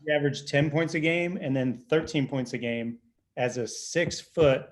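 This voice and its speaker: A man's voice: fairly high pitch, moderate pace. A man hosting an interview, talking casually and enthusiastically, with lots of fillers and teasing his guest. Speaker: interview host.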